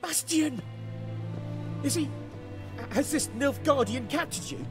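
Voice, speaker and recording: A man's voice: very high voice, animated, slow, music in the background, full character voice. A man playing a wary, anxious peasant in a video game, plain-spoken and emotional. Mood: urgent. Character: anxious, wary male peasant searching for his brother. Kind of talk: video game drama acting.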